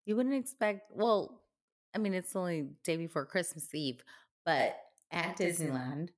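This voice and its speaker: Middle-aged woman, hoarse and half-lost voice, chatty co-host, laughs and exclaims a lot. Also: on the low side, measured pace. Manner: laughs often, exclaims "oh my God". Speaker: podcast co-host, mother. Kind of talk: casual chat.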